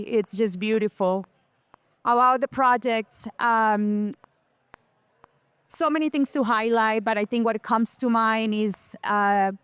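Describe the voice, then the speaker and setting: A woman's voice: a little high, clear, resonant tone, dry recording. A woman in her thirties from Colombia, an artist guest talking enthusiastically in a casual interview.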